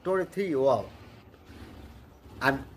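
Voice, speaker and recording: A man, practicing English in a halting, flattering way on a video call. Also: mid-range voice. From Bangladesh. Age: 20s. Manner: halting, repeats okay, flattering. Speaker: channel host practicing English. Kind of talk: casual chat.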